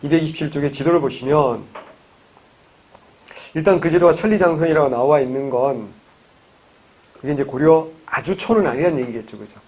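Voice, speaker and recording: A man's voice: on the high side, moderate pace, pauses often, a little mellow, slightly rough, poor audio. Man lecturing, quizzing and answering himself. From Gyeongsang province, Korea. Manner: quizzing, answers his own questions. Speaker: history lecturer. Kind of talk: exam-prep lecture.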